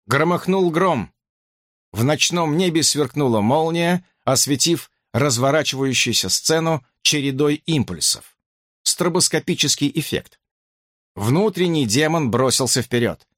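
A man narrating a horror audiobook with an expressive, dramatic reading. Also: fairly high pitch, unhurried, no room sound, clean studio sound.

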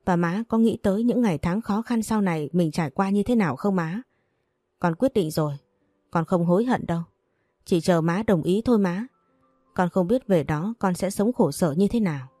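A woman's voice: lowish voice, moderate pace, no echo, clean studio sound, faint music behind, close to an everyday voice. A woman voicing a resolute young daughter. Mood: persuasive. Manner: calm, firm, persuasive.

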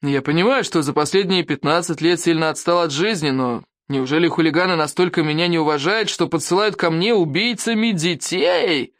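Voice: medium pitch, fairly quick, few pauses, no echo, clean studio sound, close to an everyday voice. A reader voicing a hot-tempered, boastful Viking chief in an audiobook, roaring and then forcing himself to be patient. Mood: grumbling. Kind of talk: audiobook character voice.

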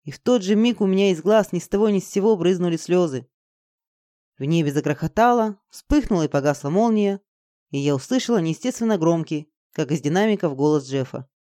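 A reader tells a fantasy story in an even, dramatic manner. The voice sits in a middle range. It is recorded dry and close, with no room sound. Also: medium pitch, fairly quick, dry recording. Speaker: audiobook narrator. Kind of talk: fantasy audiobook narration.

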